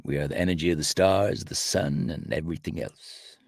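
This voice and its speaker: A middle-aged man from London, chatting as a guest on a live show with a lively, joking manner on a studio mic. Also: rumbling low, dry recording. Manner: lively, quick to laugh, joking. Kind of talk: casual livestream chat. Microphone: studio mic with pop shield.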